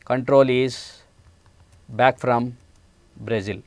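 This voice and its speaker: A man's voice: mid-range voice, steady tone, drawn-out words, no echo. A man in his forties with an Indian English accent, giving a programming lecture step by step with many hesitant fillers. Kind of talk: classroom lecture. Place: studio set, indoors.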